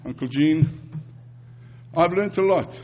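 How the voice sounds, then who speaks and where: Over background noise and a muffled recording, a fifties-aged man from South Africa delivers a sermon and mission report slowly, his voice on the high side. Afrikaans is his first language and his accent is South African; he speaks earnestly, repeating phrases and often restarting.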